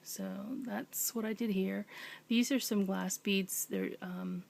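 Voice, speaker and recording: A woman whispering softly at home late at night as she shows off a craft project, with frequent ums and pauses. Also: medium pitch, steady tone, creaky. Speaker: crafting vlogger. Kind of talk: casual show-and-tell.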